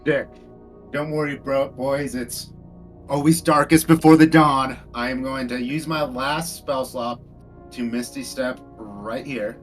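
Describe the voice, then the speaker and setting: A man's voice: mid-range voice, fairly even intonation, slow pace, faint music behind. A man playing a tabletop game, laid-back and bantering with the group. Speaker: player.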